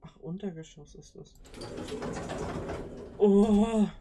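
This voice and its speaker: A woman's voice: low-pitched, moderate pace. Jumpy woman streaming a game, faint background noise. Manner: jumpy, easily spooked, exclaims often. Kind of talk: live horror game commentary.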